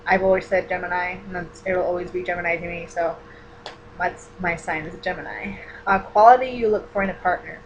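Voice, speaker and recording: A woman's voice: lowish voice, steady tone, a little fast, highs cut off, slight background noise. A woman in her twenties chatting casually in a vlog, rambling with many fillers and restarts as she answers personal questions. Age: 20s. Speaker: vlogger.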